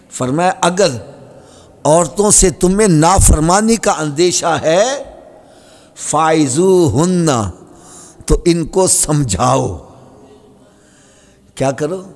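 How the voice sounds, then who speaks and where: A man preaching a sermon, swinging between fervent high cries and soft pleading. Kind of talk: Urdu sermon. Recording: long hall reverb.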